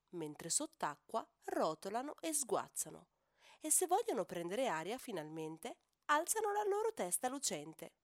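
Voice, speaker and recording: A woman reads a rhyming storybook for children aloud. Her pitch swings widely as she rolls through the rhymes in a lively, sing-song manner. The recording is close and dry. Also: dry recording.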